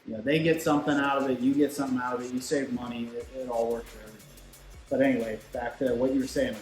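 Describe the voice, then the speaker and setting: A man with a mid-pitched voice talks casually through technical product details in a conversational, explanatory way. The room is echoey, with shop machines running and music in the background. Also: steady tone, racing, darkish tone. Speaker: turbo shop product expert and presenter. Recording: roomy echo, music, machinery behind.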